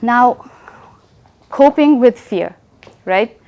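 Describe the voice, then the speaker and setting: Young woman giving a relaxed company talk. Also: on the high side, extremely slow. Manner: conversational, often asks "right?". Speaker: presenter. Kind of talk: company talk with audience questions.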